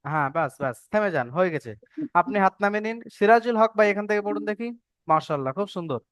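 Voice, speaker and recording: A high-voiced man with a smooth, clear tone leads an online class, patiently repeating each point and drilling letter sounds. His voice sits close and dry on the call. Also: animated, fast, fairly bright tone, dry recording. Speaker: Quran reading teacher. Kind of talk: online Arabic letter-reading lesson.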